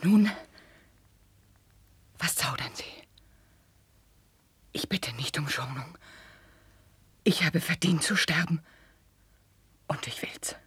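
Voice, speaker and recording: An actress playing a distraught, guilt-stricken young princess in a theatrical, declamatory 1950s German radio drama style. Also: female voice, low-pitched, animated, slow, long pauses, a bit bright, breathy edge, dry recording, heavily acted. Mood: terrified, then resigned. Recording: dry 1950s radio studio recording.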